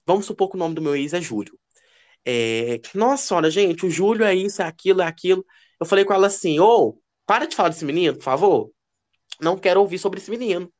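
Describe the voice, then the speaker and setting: A man co-hosting a podcast, telling gossipy stories in a casual, animated way. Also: quick pace. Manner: expressive, lively pitch. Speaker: podcast co-host. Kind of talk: casual chat.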